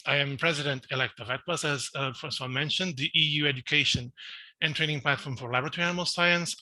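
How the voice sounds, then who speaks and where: A man's voice: fairly high pitch, sharp tone, no room sound, poor audio. A man from Portugal, giving an online conference talk in a self-deprecating way, often restarting his sentences. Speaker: invited speaker.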